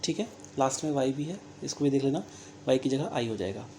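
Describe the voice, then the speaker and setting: This teacher, speaking with an Indian English accent, walks through English grammar one step at a time in a recorded classroom-style lesson. The voice is medium-pitched and warm, and there's a little background noise. Slow and deliberate, the teacher spells words letter by letter and keeps asking "theek hai" to confirm understanding.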